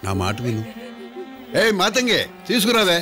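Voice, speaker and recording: A man in a dubbed film playing a kindly elder who gently comforts and coaxes a frightened girl. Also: sits high, wildly swooping pitch, normal speed, over music.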